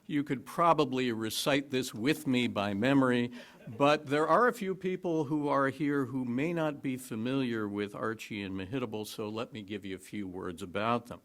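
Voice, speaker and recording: A man introducing a reading to a congregation, halting at first, then telling the backstory with dry, wry humor. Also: mid-range voice, fairly bright tone. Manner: hesitant start, then wry storytelling. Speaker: lay speaker at a worship service.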